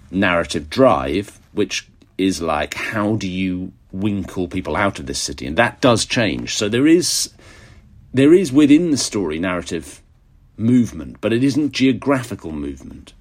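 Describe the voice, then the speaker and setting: Croaky, very deep man with vocal fry. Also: sing-song, measured pace. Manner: wry, chatty, self-mocking. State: hoarse from a cold. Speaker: author answering readers' questions. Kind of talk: casual monologue answering audience questions.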